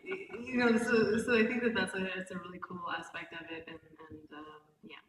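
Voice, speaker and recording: A woman actor talking casually on a convention panel, chatty and aware of how loud she is. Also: mid-range voice, fairly quick, heavy background noise. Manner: chatty, self-conscious about speaking loudly. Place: large convention panel room. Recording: echoey hall, voice from a distance.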